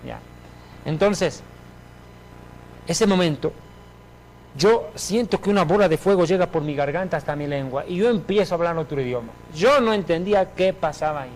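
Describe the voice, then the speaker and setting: A man giving a personal religious testimony in an emphatic, animated storytelling manner. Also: a little high, normal speed, pauses often, slight background noise, poor audio.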